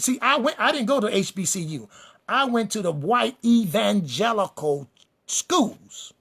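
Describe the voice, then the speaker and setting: High, gravelly preacher man. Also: fairly bright tone. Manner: emphatic and repetitive, addresses the listeners directly; builds lists and refrains for rhythm. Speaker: preacher and teacher. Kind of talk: fiery sermon-style lecture.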